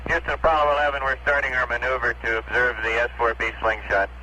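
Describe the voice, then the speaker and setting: A man's voice: medium pitch, little pitch movement, fast, bright, forceful tone. A man speaking as an astronaut over a crackly space-to-ground radio link, in clipped radio procedure, reading numbers back. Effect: crackly space-to-ground radio transmission, archive recording.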